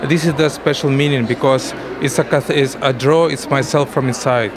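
A middle-aged man from Ukraine with a Russian accent, giving halting interview answers in broken English as a painter. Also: medium pitch, steady tone, over music. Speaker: exhibiting painter being interviewed. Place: indoor art exhibition booth. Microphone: interviewer's handheld microphone. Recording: noisy exhibition hall ambience.

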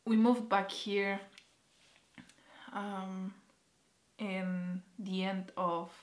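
A young woman from Poland, giving a personal vlog update in a halting, hesitant way that often drops to a soft near-whisper. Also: mid-range voice, little pitch movement. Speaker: vlogger.

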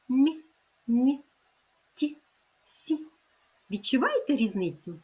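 A woman teaching a phonics lesson to young children, sounding out syllables gently and asking them to repeat after her. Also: medium pitch, breathy edge.

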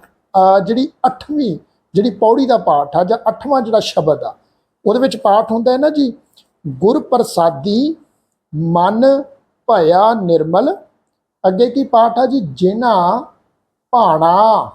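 A man from Punjab, India, giving a religious lesson on careful scripture pronunciation, patient and polite, slowly spelling out syllables and drawing them out. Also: high voice, dark tone. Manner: polite, respectful address to the listeners.

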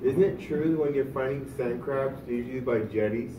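A man's voice: medium pitch, normal speed. A man speaks up from the audience with a hesitant follow-up point. He is far from the mic in an echoey meeting room, and background noise sits behind his voice. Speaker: audience member. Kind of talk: question from the audience.

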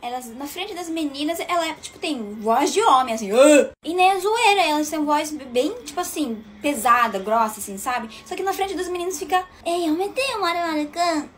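Fast-talking woman, born in Japan. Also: high voice, lively intonation, fairly bright tone, soft background music. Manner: exasperated, mocking, mimics cutesy voices. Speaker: short-video creator. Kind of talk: fast social-media monologue. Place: room at home with air conditioning.

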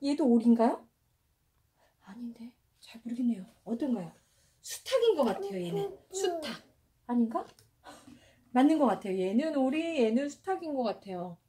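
A woman's voice: high voice, sing-song, normal speed, long pauses, warm tone. A young mother in her home, narrating play with her baby in a cooing, exclamatory, sing-song way. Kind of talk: playful parenting vlog narration. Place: home indoors.

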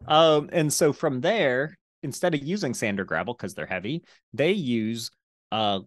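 A man's voice: medium pitch, fairly bright tone, no echo, clean studio sound. A young man co-hosting a casual podcast over a video call, talking through a headset mic from a small room at home, with a joking, wry manner. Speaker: podcast co-host. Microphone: headset with boom mic on video call.

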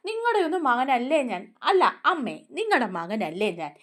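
A woman voicing a drunk, hurt son who pleads slowly and tearfully about being left out. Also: high-pitched, sing-song. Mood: hurt, pleading. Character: grieving drunk man, hurt middle son.

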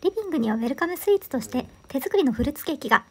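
Brisk, high-voiced woman narrating a hotel tour. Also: animated, dark tone. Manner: upbeat, enthusiastic reviewing. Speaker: travel vlogger. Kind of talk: scripted voice-over narration.

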